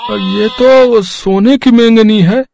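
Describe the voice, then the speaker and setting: A man's voice: high-pitched, takes it slowly, vocal fry, darkish tone, full character voice. A man playing a poor humble goat farmer. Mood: earnest. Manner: simple, earnest, grateful.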